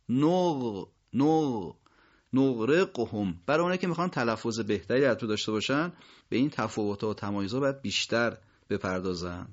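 A man teaching Quran recitation, explaining pronunciation and slowly modelling each word. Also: mid-range voice, a bit bright, lo-fi sound. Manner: slow, drawn-out model pronunciations of words. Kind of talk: pronunciation lesson.

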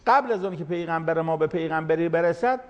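An older man, nearly seventy, delivers a sermon-style lecture to a gathered audience. His voice sits a little higher than most men's. He reads out scripture and then explains each line in plain, everyday words. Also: dull audio. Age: late 60s. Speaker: cleric speaking to an audience of managers.

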